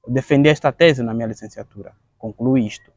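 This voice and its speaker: A man in his thirties with an Angolan Portuguese accent. He gives an earnest interview testimony, gravelly and halting, often repeating words as he searches for the next one. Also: medium pitch, darkish tone, no room sound. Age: 30s. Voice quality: gravelly, halting with frequent word repetitions.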